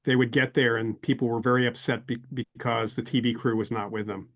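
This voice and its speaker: A man hosting an interview podcast in a measured way, trading anecdotes and leading into long questions. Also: mid-range voice, level tone, fairly bright tone, highs cut off. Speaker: host.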